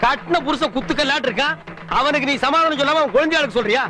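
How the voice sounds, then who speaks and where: A man's voice: extremely high pitch, very fast, pushed and bright. An actor playing a sarcastic, scolding village man in a film comedy, speaking. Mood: mocking. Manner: scolding, mocking, sarcastic retorts. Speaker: comic lead in film scenes. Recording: film soundtrack with background music.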